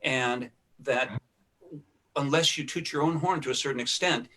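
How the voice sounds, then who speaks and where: Bright-voiced man telling studio stories. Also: medium pitch, moderate pace. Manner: rambling anecdotal, thinks aloud with fillers. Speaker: podcast guest, recording engineer. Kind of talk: casual storytelling conversation.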